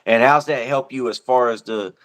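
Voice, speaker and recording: A man's voice: medium pitch, moderate pace, a bit bright. A man hosting an online talk show, asking loose, easygoing questions in slangy speech. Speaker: show host. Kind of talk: casual interview chat.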